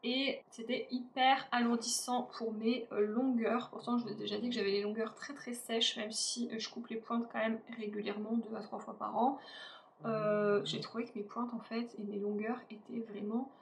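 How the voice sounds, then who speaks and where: Brief: female beauty vlogger, somewhat high voice, casual rambling delivery, roomy echo with faint background noise. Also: flat delivery, normal speed, gravelly. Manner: chatty, hesitant with many fillers. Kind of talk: casual product review. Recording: echoey room, faint ambient noise.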